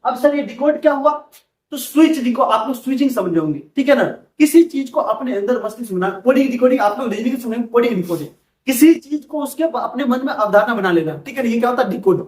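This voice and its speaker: High-voiced male teacher in an echoey room. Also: expressive, darkish tone, distant mic. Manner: asks rhetorical questions and answers them, repeats key words; reads Sanskrit passages slowly, then explains in Hindi. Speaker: exam-prep teacher. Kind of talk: classroom-style exam lesson.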